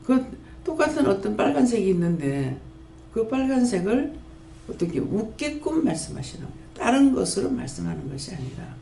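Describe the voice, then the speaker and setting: Gravelly Gyeongsang woman in her fifties preaching. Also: normal speed, slight background noise. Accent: Gyeongsang Korean. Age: 50s. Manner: earnest, storytelling, lively pitch swings. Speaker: pastor of a prayer house. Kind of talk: sermon testimony. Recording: echoey room with faint ambience.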